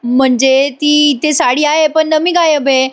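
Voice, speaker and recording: A woman's voice: sits high, steady tone, unhurried, voice pushed up. Woman doing an exasperated young man. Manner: irritated, pressing.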